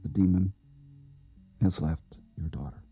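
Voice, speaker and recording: A man voicing a calm male teacher who speaks slowly and with measured authority. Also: low voice, vocal fry, husky, highs cut off, faint music behind, pitched below the performer's own voice, heavily acted. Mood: solemn.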